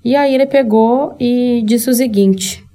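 A woman's voice: fairly high pitch, unhurried, dark tone. A Brazilian woman hosting her own channel, telling a personal story candidly and with emotion, speaking straight to her viewers. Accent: Brazilian Portuguese. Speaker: channel host.

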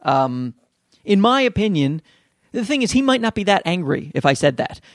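A man's voice: sits high, big pitch swings, normal speed, no echo, studio quality. A man with a Newfoundland accent doing a casual solo podcast rant, rambling, self-deprecating and sweary. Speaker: podcast host and amateur comedian.

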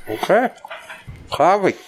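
A man with a lively, swooping voice hosts a casual cigar podcast and teases his panel. He calls on each guest for a rating from a lounge with faint background noise. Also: sits high, slow pace. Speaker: podcast host. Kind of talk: casual chat. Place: cigar lounge, second floor.

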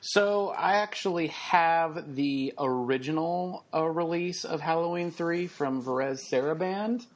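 A man's voice: fairly high pitch, measured pace, hardly any pauses. A man co-hosting a podcast, chatting enthusiastically as a collector, with many filler words. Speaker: podcast co-host. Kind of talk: casual chat.

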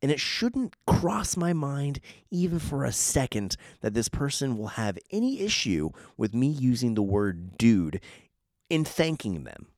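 A man's voice: medium pitch, very animated, unhurried, a little mellow, no room sound, studio quality. A man from Southern California with a Southern Californian accent, rambling wryly through a casual podcast monologue and repeating phrases. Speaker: podcast host.

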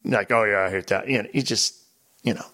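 A man's voice: on the low side, a little fast, bright, forceful tone. A man co-hosting a podcast, chatting casually and joking, rambling with frequent restarts. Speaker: podcast co-host. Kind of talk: casual chat.

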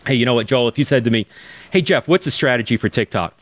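A man in his forties, appearing as a church planting guest on a podcast, talks quickly in a mid-range voice with no room sound. His delivery is emphatic and preacherly, and he turns to address listeners directly.

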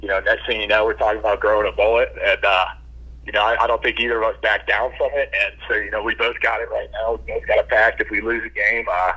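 A man's voice: fairly low pitch, level tone, fast talker, sharp tone, husky. A young man, a college football player, giving easygoing, casual interview answers over the phone and saying "you know" a lot. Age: young adult. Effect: heard over the phone. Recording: muffled phone line.

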